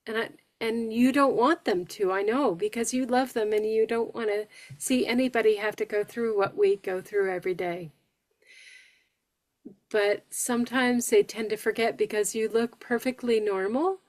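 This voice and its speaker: Sharing her experience with a support group, this New York State woman speaks slowly and deliberately, taking care with pronunciation because of her aphasia. Her voice is slightly high and steady in tone.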